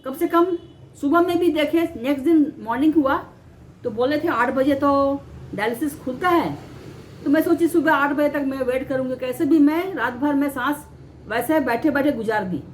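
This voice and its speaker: A woman vlogger telling a personal story to camera, aggrieved and halting, often repeating and restarting words. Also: high-pitched, slight background noise. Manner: aggrieved, recounting mistreatment.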